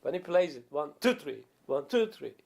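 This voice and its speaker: Gravelly older Turkish-accented man. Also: fairly high pitch, big pitch swings, moderate pace, darkish tone. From Turkey. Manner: rambling, anecdotal, many fillers and restarts. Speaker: professional viola player. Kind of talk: reminiscing in a documentary interview.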